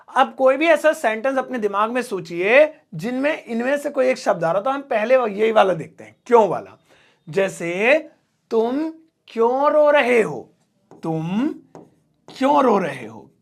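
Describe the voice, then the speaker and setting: A man teaching a spoken English lesson, writing on a board as he goes and repeating each word slowly, spelling some of them out. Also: high-pitched, creaky, a bit bright.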